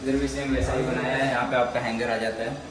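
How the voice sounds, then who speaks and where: A man's voice: mid-range voice, little pitch movement, quick pace, heavy background noise. A young man giving a walking tour of a finished apartment, plainly pointing out fittings one by one as an interior contractor. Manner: plain, matter-of-fact pointing out of features. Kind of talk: walkthrough tour, explaining fittings. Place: large empty apartment with bare walls, indoors. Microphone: camera mic, filmed while walking. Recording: echoey empty rooms, camera at a distance.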